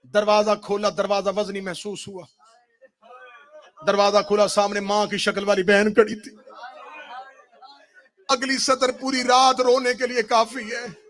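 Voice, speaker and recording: A man with a Pakistani Urdu accent giving a Muharram majlis sermon, crying out in lament and then dropping to hushed, weeping narration. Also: high voice, little pitch movement, pauses often. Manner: wailing, swings from shouted cries to hushed weeping delivery. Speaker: Shia majlis orator.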